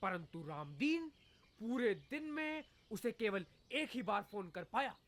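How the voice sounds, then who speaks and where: An actress reading the news as a TV anchor, in a formal announcing manner. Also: female voice, mid-range voice, sing-song, a little slow. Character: brisk woman TV news anchor. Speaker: news reader.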